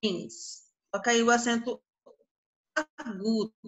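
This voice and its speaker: Slow, bright-voiced Brazilian woman teaching. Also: on the high side, fairly even intonation. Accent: Brazilian Portuguese. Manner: drawn-out syllables, frequent check-ins with the class. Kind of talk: online grammar lesson.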